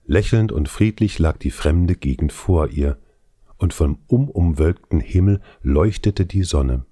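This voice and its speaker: A man reading an audiobook of legends in measured, solemn scripted narration. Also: sits low, lively intonation, dark tone, slightly rough, no room sound, clean studio sound.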